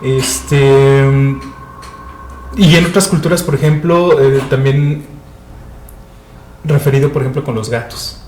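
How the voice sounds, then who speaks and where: A man's voice: mid-range voice, fairly even intonation, slow, long pauses, darkish tone. A man with a Mexican accent, chatting on a paranormal talk show, full of fillers and restarts. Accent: Mexican Spanish. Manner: hesitant, many fillers and restarts. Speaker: podcast co-host. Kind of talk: casual panel chat. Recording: echoey room with faint noise.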